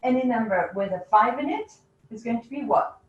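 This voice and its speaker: A woman leading teachers through a classroom game, giving quick, instructive directions and laughing often. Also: fairly high pitch, expressive, slight background noise. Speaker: teacher trainer. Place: classroom or training room. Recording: roomy, distant, dull classroom sound.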